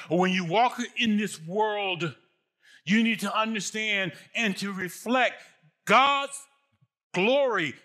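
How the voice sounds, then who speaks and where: A man's voice: high voice, sharp tone. An older man preaching a sermon as pastor, emphatic, repeating phrases and asking his congregation questions.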